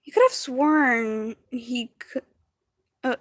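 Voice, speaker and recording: A woman with a high voice reads a story aloud at an unhurried pace, breaking off to chat with her stream. She giggles often and trips over words, heard close and dry with no room sound. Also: fairly bright tone, no echo. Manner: giggly, stumbles over words and chats with viewers between lines. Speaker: streamer reading fan fiction aloud. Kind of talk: casual livestream read-aloud.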